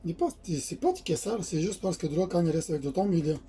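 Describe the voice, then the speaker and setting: A man with a Quebec French accent explaining things aboard a sailboat, pausing and restarting as he talks. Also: sits high, animated, mellow. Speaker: sailing vlog co-host. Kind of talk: casual explaining. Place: aboard a sailboat at a dock, outdoors.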